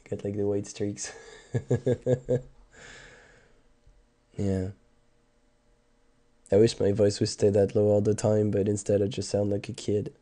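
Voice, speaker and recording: On his music livestream, a Canadian man in his thirties talks casually despite a stuffy nose and sore throat. His lowish, dark voice stays flat and slow, pausing often, and his rambling is hesitant, packed with ums and false starts.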